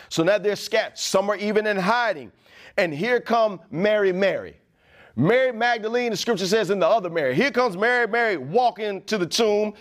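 A male pastor preaching a sermon in an animated way, dropping slang asides. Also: high-pitched.

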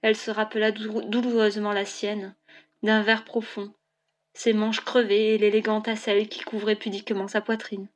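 A woman narrating a novel as an audiobook in a clear, even storytelling delivery. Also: mid-range voice, moderate pace.

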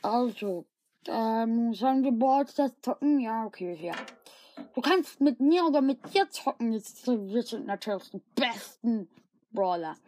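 Squeak, a cheeky slobbering blob voiced by a woman. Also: animated, a little slow, a little mellow, no room sound, rough recording. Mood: chatty. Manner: casual, swears a lot. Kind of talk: homemade audio story.

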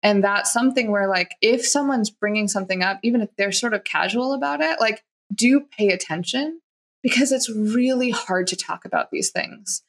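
A woman's voice: medium pitch, moderate pace. Chatty woman giving workplace advice. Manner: chatty, many "like" fillers, acts out quoted lines. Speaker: guest expert on workplace conduct. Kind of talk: conversational advice.

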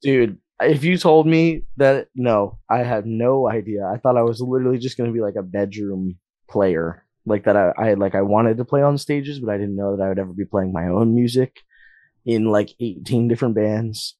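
Young man, low voice, dry sound; rambling, casual, full of fillers. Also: normal speed, mellow, no echo. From Las Vegas, USA. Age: young adult. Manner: rambling, filler-heavy, lots of "like". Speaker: guest musician. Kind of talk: casual interview storytelling.

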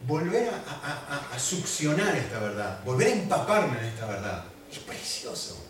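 A man with a Rioplatense Spanish accent preaching a sermon as pastor, swinging between loud emphasis and soft asides. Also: mid-range voice, very animated, moderate pace. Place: church hall. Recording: echoey hall from far off, faint noise.

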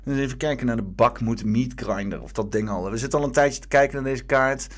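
A man hosting his own stream, giving casual, rambling commentary on the news, full of fillers and restarts. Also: mid-range voice. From Netherlands. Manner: halting, many fillers and restarts.

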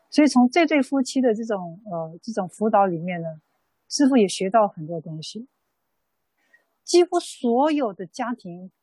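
A Buddhist nun giving a dharma talk in an unhurried storytelling way, full of soft fillers. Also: female voice, mid-range voice, breathy edge, dry recording, rough recording. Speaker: Buddhist nun teaching a sutra class.

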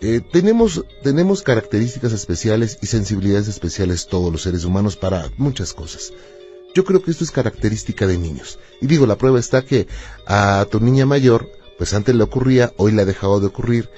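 A man hosting a call-in radio show, explaining things calmly and telling stories in a measured way. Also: fairly low pitch. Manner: calm, explanatory storytelling. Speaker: radio host and spiritual adviser. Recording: muffled lo-fi radio with faint music.

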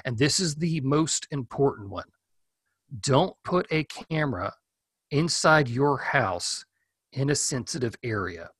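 A man speaks as a guest expert, laying out practical home security tips in a relaxed, explanatory way. His voice is recorded close and dry, with no room sound. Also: mid-range voice, a little slow, slightly rough, no room sound. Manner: practical, explanatory, thinking aloud. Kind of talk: casual advice in an interview.

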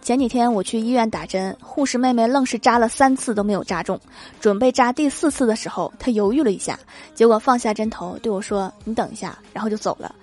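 Young woman reading out funny stories, kinda high voice, soft music behind, acts out the lines. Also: fairly quick. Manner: lively storytelling, acting out quoted lines, laughing at punchlines. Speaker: host reading funny anecdotes. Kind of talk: scripted comic narration. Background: background music.

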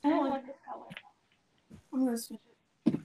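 High, soft-spoken young woman. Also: steady tone, a little fast, gravelly, husky, rough recording. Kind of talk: casual chat with a friend.

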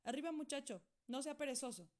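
A woman's voice: sits high, animated, fairly quick, darkish tone, pitched above the performer's own voice. A woman voicing a strict, authoritarian middle-aged doctor uncle in a storybook reading, formal and scolding. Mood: stern.

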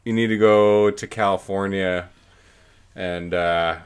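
A man's voice: low-pitched, steady tone, slow pace, clean tone. A man co-hosting a podcast in casual chat, playful and teasing. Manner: playful, teasing, hands out punishments. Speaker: podcast co-host.

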